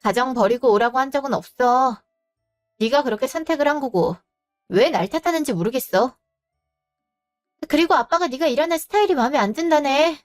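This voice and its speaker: A woman voicing a sharp young woman who scolds and cuts off her cheating partner, in a storybook drama. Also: high voice, animated, fairly quick, pauses often, soft background music. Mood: scornful. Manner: scolding, cutting. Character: cold, sharp young woman boss's daughter.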